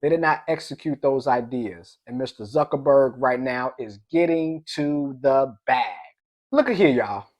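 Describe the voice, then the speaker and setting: A man's voice: medium pitch, unhurried, darkish tone. A young man casually riffing on tech investing news in his own channel, playful and slangy with little sound effects thrown in. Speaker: finance vlogger. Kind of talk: casual energetic commentary.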